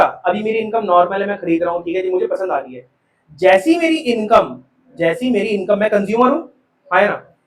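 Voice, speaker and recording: A man lectures a live commerce class in a high, bright-pitched voice, calling his students "beta" and peppering them with questions. Because the camera is far away, the classroom echo rings through the recording.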